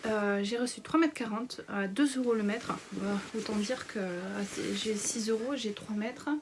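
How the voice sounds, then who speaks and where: A woman's voice: mid-range voice, moderate pace, background noise. A woman in her thirties chatting casually through a sewing haul, hesitant with many fillers and often half-whispering. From France. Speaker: sewing vlogger. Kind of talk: casual fabric haul chat.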